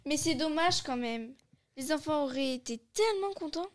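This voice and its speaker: A woman's voice: high voice, lively intonation, normal speed. A woman voicing the scolding wife of a god in an amateur story reading. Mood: regretful.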